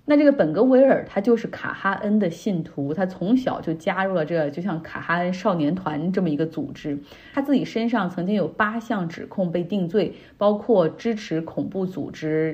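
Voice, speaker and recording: Woman, lowish voice, podcast host, chatty news commentary, dull lo-fi sound. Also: a little mellow. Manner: chatty, explanatory, frequent tag particles.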